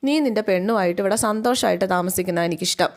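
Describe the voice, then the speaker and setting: A woman's voice: medium pitch, rapid-fire, natural voice. A woman voicing a scheming older man. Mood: falsely kind. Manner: falsely friendly, scolding.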